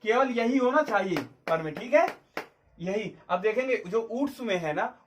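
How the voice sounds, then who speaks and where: A man's voice: high-pitched, lively intonation, normal speed, distant mic, slight background noise. A man teaching a Sanskrit grammar lesson for exam prep, explaining step by step and asking and answering his own questions.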